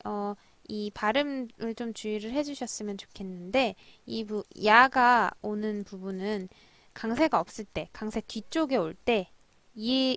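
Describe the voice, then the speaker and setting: Young female tutor with a mid-pitch voice and a patient, drilling delivery, recorded dry and close. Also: dry recording. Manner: slow careful spelling-out of words, repeating drills. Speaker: Russian language teacher. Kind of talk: language lesson explaining drama lines.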